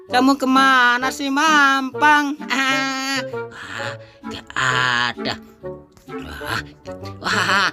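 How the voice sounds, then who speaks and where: High-voiced, excitable woman with slang. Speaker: clown vlogger. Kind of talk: playful narration for children. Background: music.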